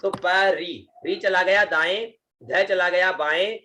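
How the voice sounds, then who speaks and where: A man teaching a Vedic recitation lesson, breaking verses into syllables and chanting them slowly, often checking with the listener. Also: high voice, pushed and bright, slight background noise, low-quality recording. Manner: slow, deliberate syllable-by-syllable teaching, frequent "है ना" checks.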